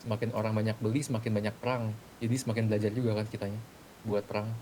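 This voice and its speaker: This role-play gang member talks rapid-fire in a darkish, flat voice, casually breaking down his points step by step. It comes through a gaming voice chat microphone with rumbling background noise.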